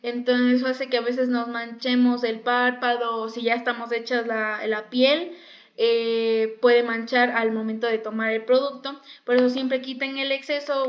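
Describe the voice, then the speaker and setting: A woman teaching a makeup class, explaining step by step and often repeating herself. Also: on the high side. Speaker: makeup instructor. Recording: dull lo-fi sound.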